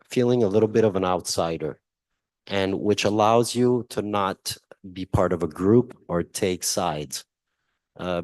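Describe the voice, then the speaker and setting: A man's voice: low-pitched, darkish tone, no room sound. A man from Italy, a guest journalist answering audience questions in a hesitant way, with many fillers and restarts and light laughs.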